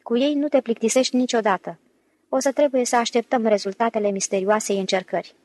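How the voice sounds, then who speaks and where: A woman voicing a breezy, smooth-talking con man. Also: on the high side, fairly even intonation, a little mellow, no echo, natural voice. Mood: amused. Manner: breezy, ingratiating. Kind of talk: audiobook character reading.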